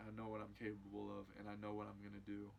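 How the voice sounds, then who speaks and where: A man who competes in MMA, answering interview questions in a casual way, repeating himself and getting more animated when excited. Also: on the low side, rapid-fire, creaky, slight background noise, rough recording. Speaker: MMA fighter.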